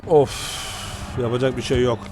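A man talking through a video game session in casual commentary. He gets excitable and shouts at the game during tense moments. Faint game music plays behind him. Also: mid-range voice, normal speed. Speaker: gameplay commentator.

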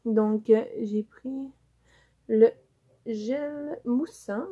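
In a haul video, a young Quebec French-accented vlogger shows off her items on camera, chatting loosely and filling gaps with many fillers. She talks very slowly in a fairly high-pitched voice. The lo-fi audio sounds dull and carries a little noise.

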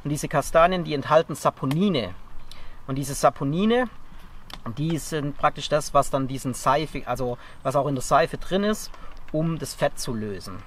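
A man's voice: a little high, normal speed, slight background noise. A man in his thirties chatting casually as he shows a craft step by step outdoors in a forest camp. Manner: relaxed and chatty, explains step by step while working. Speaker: bushcraft instructor. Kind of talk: casual outdoor how-to demonstration. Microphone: camera a few meters off. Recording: distant outdoor camera audio.

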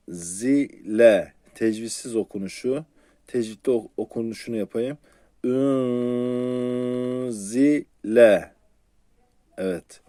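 A man gives a slow, step-by-step lesson in reading scripture aloud. His voice sits low and mellow, and he keeps asking questions and answering them. The sound is dry and close to the mic. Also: dry recording. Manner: patient, repeats syllables slowly and asks the viewers questions. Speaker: Quran reading teacher.

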